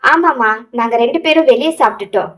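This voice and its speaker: A woman voicing a young male hero in a romance story, tender but gruff, scolding with endearments. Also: high-pitched, fast talker, fairly bright tone, distant mic, rough recording. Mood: gentle.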